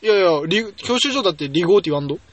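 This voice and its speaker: A man's voice: sits high, expressive, rapid-fire. A young man in his late teens with a Kumamoto accent, hosting a casual chat, laughing often and teasing his friends. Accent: Kumamoto Japanese. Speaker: host.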